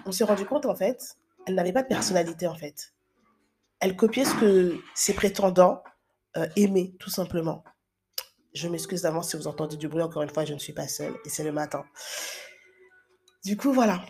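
A woman's voice: fairly low pitch, moderate pace, pauses often, warm tone, faint music behind. A woman in her thirties giving casual, chatty advice to young viewers, with frequent fillers and restarts. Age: 30s. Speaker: advice vlogger.

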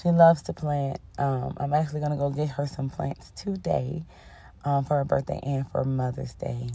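A woman's voice: a bass voice, steady tone, moderate pace, creaky. A young woman hosting a casual spiritual podcast, a little under the weather, affirming and chatty, often checking in with "okay?". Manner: warm-toned, affirming, sprinkles in "okay?" and "honey". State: under the weather, voice a bit rough. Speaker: podcast host.

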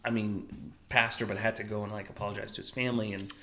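A man's voice: lowish voice, level tone, fast, pushed and bright, slight background noise. A man co-hosting a podcast, telling a story in casual chat, self-deprecating and sometimes dropping to a whisper for emphasis. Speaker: podcast co-host.

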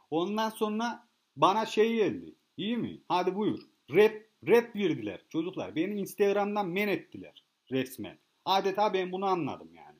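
A man telling a rambling, boastful comic story straight to his listeners, swearing freely and repeating himself as he goes. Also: fairly high pitch. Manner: boastful, profane, rambling, addresses listeners as kids. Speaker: comedic monologue host. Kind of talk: casual rambling comic rant.

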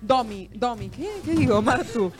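A woman's voice: a little high, animated, measured pace, over loud music. A young Argentine woman co-hosting a live stream, teasing and laughing as she runs the questions. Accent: Argentine Rioplatense. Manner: playful, teasing, laughs often. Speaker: co-host. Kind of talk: casual live-stream chat. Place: streaming studio with live audience.

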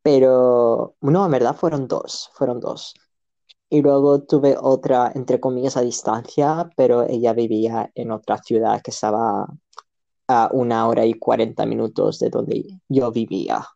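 A man's voice: medium pitch, fairly even intonation, measured pace, gravelly, mellow, muffled recording. A man who is a podcast guest, talking in a laid-back, joking way in a casual interview.

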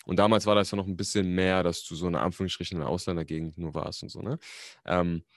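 A man, a podcast guest talking casually, relaxed and slangy, with English words mixed in. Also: deep voice, fast talker, no room sound, clean studio sound. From Germany. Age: 20s. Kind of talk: casual interview chat.

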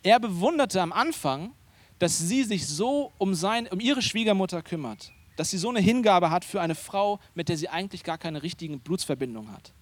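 A man with a high voice preaches in an animated, conversational way, stressing key points and asking the congregation whether they follow along. The sound is dry and close, with no room echo. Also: moderate pace. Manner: conversational, asks the congregation questions; animated, emphatic delivery. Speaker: pastor. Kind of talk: sermon.

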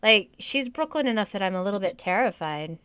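A woman's voice: medium pitch, animated, brisk, crowd noise. A woman hosting a podcast in casual chat, giving dry, wry short replies. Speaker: podcast host.

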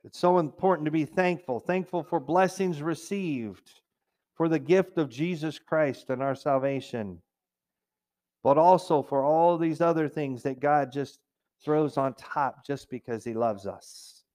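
A man's voice: a little high, unhurried, darkish tone. A middle-aged man preaching a sermon as pastor, in a conversational way, now and then mimicking complainers in a raised whiny voice.

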